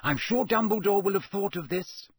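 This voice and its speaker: A man's voice: sits high, moderate pace, husky, dry recording, clean studio sound, voice pushed up. A man voicing a sensible teenage schoolgirl who speaks in a cautious, earnest way. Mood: warning.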